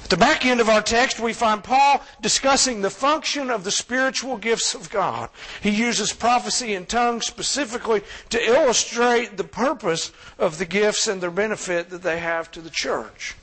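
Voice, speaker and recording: A man with a high, light voice preaches to his congregation, easygoing and joking as he talks with the pews. His voice rings with a long church reverb. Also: moderate pace, few pauses, fairly bright tone. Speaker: pastor. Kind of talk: sermon. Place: church sanctuary.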